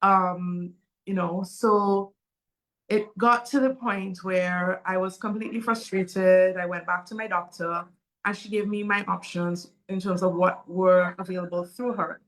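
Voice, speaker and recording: Woman in her forties from Saint Vincent, low-pitched, earnest, candid panel guest with filler words. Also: steady tone, unhurried, a bit bright, low-quality recording. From Saint Vincent and the Grenadines. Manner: earnest, open, with frequent um fillers. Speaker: guest speaker. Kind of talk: personal story in an online panel.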